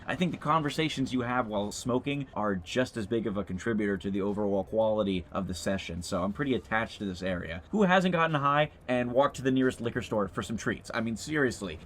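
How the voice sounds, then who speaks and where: A man's voice: mid-range voice, fairly bright tone, a little hiss or hum. A young man hosting a casual video game commentary, laid-back and nostalgic, chuckling often. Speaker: YouTuber host.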